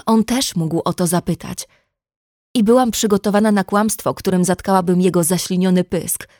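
A woman's voice: lowish voice, normal speed, darkish tone, no echo, clean studio sound, natural voice. A woman voicing a wounded, bitter young red-haired woman who makes tearful, cutting accusations in an audiobook. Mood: anguished.

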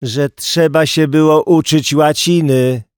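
A self-assured police commissioner with a dry, mocking tone, voiced by a male narrator in an audiobook. He speaks slowly and deliberately. The recording is close and dry. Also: on the high side, fairly even intonation, clear, resonant tone, no echo, voice pushed up.

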